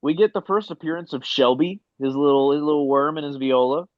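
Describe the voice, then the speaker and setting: A man's voice: fairly high pitch, brisk, dry recording. Man hosting a chatty podcast. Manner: laughs often, leads the discussion. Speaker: podcast host. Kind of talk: casual chat. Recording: dry, dull lo-fi mic.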